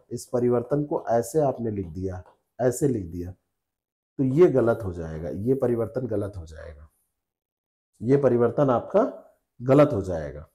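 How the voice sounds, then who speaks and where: Slow, mellow-voiced male Hindi tutor. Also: medium pitch. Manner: patient, repeats each rule, checks with "है ना". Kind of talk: spelling lesson for exam students.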